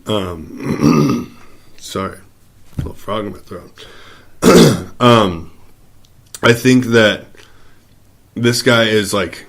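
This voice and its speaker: A man co-hosting a casual wrestling podcast, laid-back and opinionated, often trailing off and restarting. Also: lowish voice. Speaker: podcast co-host.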